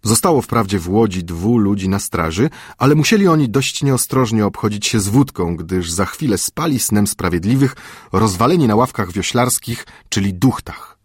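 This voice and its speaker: A middle-aged male audiobook narrator reads a classic adventure tale in a measured, steady manner. His voice is low and husky, and the close, dry recording has no room sound.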